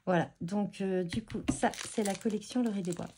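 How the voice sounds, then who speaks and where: With a mid-range voice at normal speed, this woman walks through her craft purchases in relaxed show-and-tell talk, full of hesitations, fillers, and restarts. Background noise can be heard.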